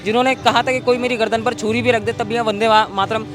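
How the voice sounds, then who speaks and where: A man's voice: very high voice, level tone, fast, over music. A man interviewing a guest, posing long political questions and stumbling over his words.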